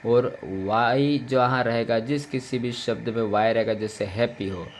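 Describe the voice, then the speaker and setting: A man talks through a grammar lesson in a patient, step-by-step way, repeating each point with translations. His pitch sits in the middle range. A faint hum of noise runs under the recording. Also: measured pace. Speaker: English teacher.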